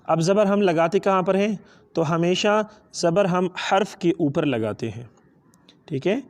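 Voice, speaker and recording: A man's voice: high-pitched, a little mellow. A man with a Pakistani accent teaching Quran reading step by step, patiently asking and answering his own questions and stretching out letter sounds. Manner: switches between two languages. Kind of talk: step-by-step lesson.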